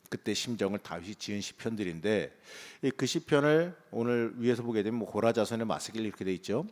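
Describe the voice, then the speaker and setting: A man with a low voice preaches in a church sanctuary where the sound rings on. His delivery is conversational and explanatory, and it often swells into emphatic bursts. The sound has the feel of an early-morning sermon. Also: a little mellow. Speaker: pastor. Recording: long church reverb.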